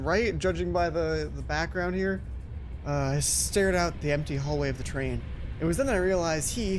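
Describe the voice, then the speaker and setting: In this gaming video, a man with a high voice hosts a let's play, reading visual novel text aloud and breaking off for casual asides. He sometimes stumbles over the words. There's slight background noise.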